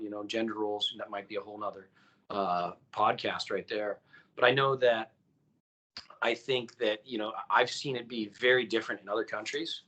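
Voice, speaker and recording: Podcast co-host, male, bright voice, loose rambling delivery full of fillers. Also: medium pitch. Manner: rambling, many fillers and restarts. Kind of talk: casual chat.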